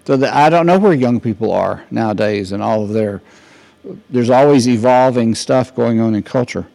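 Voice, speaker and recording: A man's voice: medium pitch, moderate pace, creaky, dark tone. An older man giving an informal, rambling sermon full of anecdotes and restarts. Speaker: preacher.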